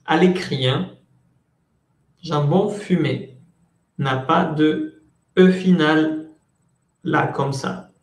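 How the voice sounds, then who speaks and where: A man teaching a French class in Spanish, slowly repeating words and switching between languages while calling on students by name. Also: fairly high pitch, echoey room. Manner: slow, patient, repeats words to drill pronunciation.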